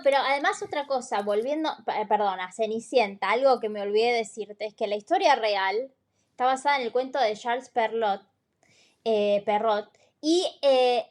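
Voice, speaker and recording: A woman with a high voice recounts old tales in a casual podcast chat. She pauses often with fillers and checks in with short questions. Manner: conversational storytelling, with frequent fillers and tag questions. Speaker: podcast co-host.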